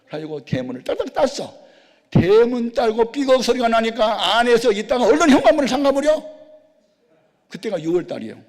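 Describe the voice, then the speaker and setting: A male pastor preaching a sermon as a folksy, animated story, acting out sound effects. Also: extremely high pitch, a little fast. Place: prayer retreat worship hall. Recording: long reverb of a worship hall.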